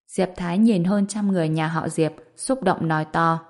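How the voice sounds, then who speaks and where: A woman with a fairly low voice narrates a serialized novel. Her delivery is steady and story-like, and she raises her voice for the characters' dialogue. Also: moderate pace. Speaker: audiobook narrator.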